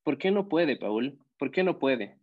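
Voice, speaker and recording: A man's voice: mid-range voice, sing-song, unhurried. A man voicing an indignant schoolgirl who presses with repeated questions, in an audiobook story on a slightly dull recording.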